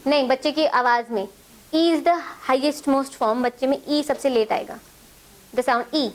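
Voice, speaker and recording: A woman's voice: sits high, slow. A woman with an Indian accent, teaching a child development assessment, switching between English and Hindi as she explains step by step. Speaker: trainer.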